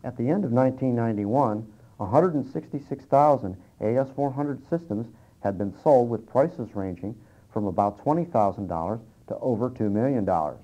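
A medium-pitched man with a dark tone presents scripted instructional material as presenter and interviewer. It comes from a dull early-1990s cassette tape transfer.

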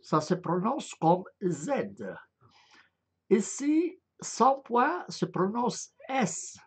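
A man lecturing at a very slow, halting pace, with many filler sounds and restarts. His voice is gravelly and husky, and his pitch moves a lot as he spells out letter sounds one at a time. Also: very animated. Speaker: lecturer on Arabic script. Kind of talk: slow explanatory online lecture.

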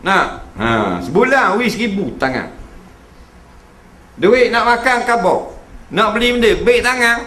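A man's voice: sits high, animated, unhurried, long pauses, bright, forceful tone. A man giving a humorous religious lecture to an audience. He keeps checking in with his listeners and acts out the voices he quotes. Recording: echoey hall recording.

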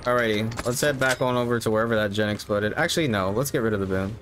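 Speaking quickly in a voice on the low side, a streamer in his thirties offers easygoing live commentary while playing, mostly thinking out loud. Background game ambience is clearly audible.

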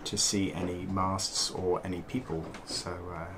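A man in his forties giving a casual vlog update from a catamaran saloon, pausing often with fillers. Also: sits low, level tone, background noise. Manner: halting, many uh fillers. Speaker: sailing vlog co-host. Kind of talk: casual vlog narration to camera.

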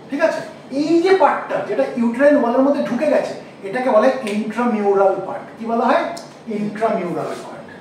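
Male teacher, very high voice, quizzing the class, echoey room with faint noise. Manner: asks the class questions and repeats key terms slowly. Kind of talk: classroom lecture. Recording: echoey room, mic far off.

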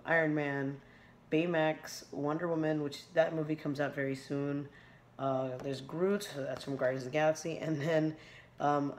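A woman in her thirties with an extremely low, hoarse, scratchy and slightly mellow voice chats casually through an unboxing vlog, rambling with many fillers and restarts. She's in a small room at home at night, recorded by a close camera's built-in mic.

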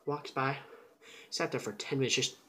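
A young man telling a personal story in a casual, animated way, dropping into whispers and then jumping up loud. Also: medium pitch, normal speed, a little hiss or hum. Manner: animated, with sudden whispers and shouts.

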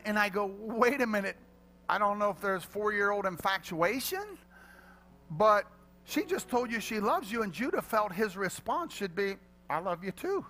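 A man preaching a sermon as pastor, swinging from quiet, joking asides to loud, shouted calls to the congregation. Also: high-pitched. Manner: playful storytelling with church humor.

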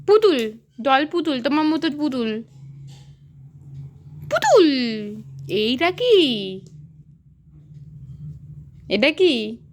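A woman's voice: high voice, lively intonation, slow, long pauses, a little hiss or hum. A mother teaching her toddler words in a home video, coaxing with sing-song questions and praise.

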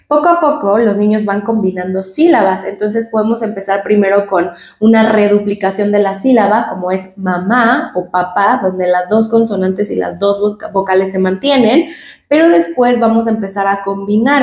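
A speech therapist with a Mexican Spanish accent talks patiently to the camera, explaining and acting out sample syllables. Her voice sits at an ordinary middle pitch for a woman. The room around her gives the sound a noticeable echo. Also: a little mellow. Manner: patient, explanatory, demonstrates sounds and word examples.

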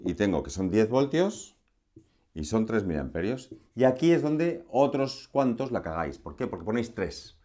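A man's voice: fairly low pitch, big pitch swings, moderate pace, warm tone. Chatty man teaching a lesson. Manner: chatty, asks rhetorical questions, playful asides. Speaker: electronics teacher. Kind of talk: recorded lesson.

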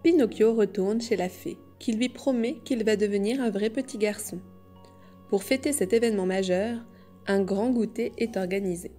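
Woman, audiobook narrator, mellow dark tone, measured storytelling, soft music behind. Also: medium pitch. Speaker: audiobook reader. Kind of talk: scripted narration.

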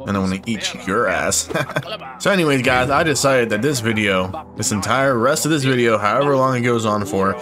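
A man swears his way through a game with exasperated, comic rants. His voice sits low, and clear game music plays behind him. He riffs casually to his viewers. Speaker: gamer playing through a game. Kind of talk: casual let's play commentary.

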